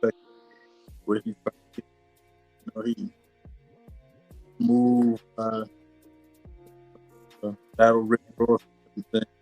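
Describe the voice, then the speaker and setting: A man chatting casually through a speaker that keeps cutting out, halting and trailing off mid-sentence. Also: mid-range voice, completely flat delivery, no room sound, dull audio, soft background music. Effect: heard through a speaker that keeps cutting out. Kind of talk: casual chat.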